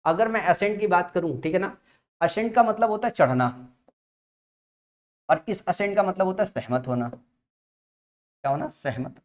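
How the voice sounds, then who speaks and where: A man's voice: high voice, normal speed, long pauses. Patient young male teacher, lecturing. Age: young adult father. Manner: explains patiently with repeated rhetorical questions; often checks in with "theek hai na". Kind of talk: classroom-style vocabulary lesson.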